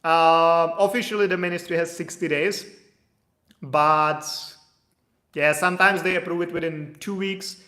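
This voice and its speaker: A man with a fairly high, steady, pushed and bright voice takes immigration questions from viewers during a live stream, speaking a little slowly. He reads them out, then explains casually with plenty of hedging, and the room sounds echoey.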